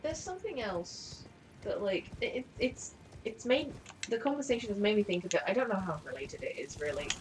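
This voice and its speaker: A woman's voice: mid-range voice, expressive, fairly quick, background noise. A woman chatting casually and rambling on a live game stream, with many fillers and offhand swearing. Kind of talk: casual chat.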